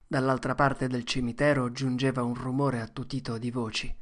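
A narrator reading an audiobook in a steady, measured way. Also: medium pitch.

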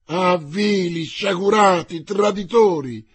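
A man's voice: high-pitched, takes it slowly, slightly rough, voice pushed up, heavily acted. A man doing an old, furious loyal lord. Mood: outraged. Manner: shouted curses and calls. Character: old loyal nobleman, grief-stricken and furious.

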